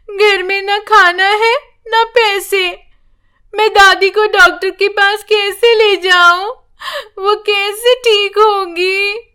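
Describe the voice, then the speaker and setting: Storybook cartoon: woman voicing a tearful, frightened little girl, high and pleading. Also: bright, forceful tone, full character voice.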